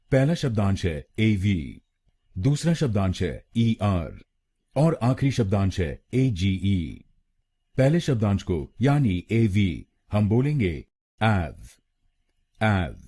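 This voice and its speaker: Slow, husky Indian man teaching pronunciation. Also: fairly low pitch, mellow. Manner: slow, deliberate syllable-by-syllable drilling. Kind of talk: scripted pronunciation lesson.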